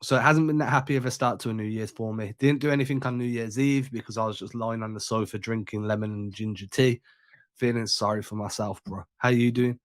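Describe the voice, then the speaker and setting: A congested man hosts a sports podcast, sounding sick and a little stuffed up. He chats in a loose, slangy way at a middling pitch, recorded close and dry. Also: fairly even intonation, a little fast, no room sound. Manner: laid-back, slangy, chatty. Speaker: podcast host. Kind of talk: casual sports podcast chat.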